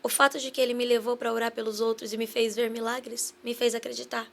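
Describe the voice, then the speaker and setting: A woman's voice: fairly high pitch, little pitch movement, quick pace, creaky, slight background noise. A woman with a Brazilian Portuguese accent, a podcast guest giving an earnest personal testimony and acting out remembered dialogue. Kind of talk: personal testimony in a casual interview.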